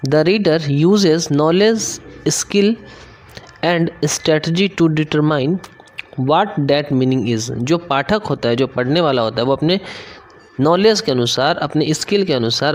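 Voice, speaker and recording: A young Indian man with a Bihari Hindi accent and a slightly high voice teaches an online exam-prep lesson. He reads English lines slowly, then explains them in Hindi, frequently checking in with listeners. Faint background noise is present.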